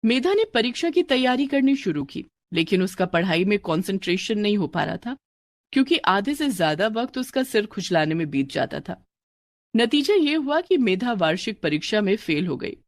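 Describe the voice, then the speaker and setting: A woman narrating a scripted children's story in a clear, expressive way. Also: medium pitch, moderate pace, no room sound, clean studio sound.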